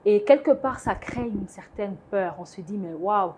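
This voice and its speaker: A woman's voice: medium pitch, normal speed, a little mellow, slightly rough. A woman in her twenties, a guest in a TV studio interview, speaking emphatically and laughing easily. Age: 20s. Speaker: guest, founder of a women's platform. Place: TV studio set. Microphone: lapel mic.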